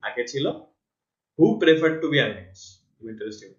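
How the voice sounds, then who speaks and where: A man with a Bangladeshi accent teaches an online English class, patiently correcting a student's reading and explaining things in Bengali. His voice is medium in pitch and expressive, at a moderate pace. The online call audio is roomy and dull.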